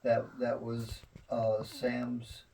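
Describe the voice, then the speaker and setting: An elderly man reminiscing in a rambling grandpa way about family history, halting often and repeating his words. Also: mid-range voice, monotone, vocal fry, dark tone, far from the mic, a little hiss or hum, rough recording. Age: 70s or older.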